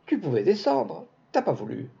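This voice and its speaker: A man voicing a stubborn, fiery five-year-old girl who cries out in a shrill, high voice. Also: huge pitch swings, unhurried, a little mellow, husky, full character voice. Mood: angry. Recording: dull lo-fi recording.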